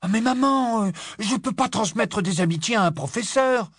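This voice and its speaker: A man voicing an excited, breathless schoolboy who stumbles over his words in an audiobook reading. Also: sits high, normal speed, slightly rough, no room sound, studio quality, voice pushed up, exaggerated voice. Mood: exasperated. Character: excited schoolboy, eager big brother. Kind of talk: audiobook character voice.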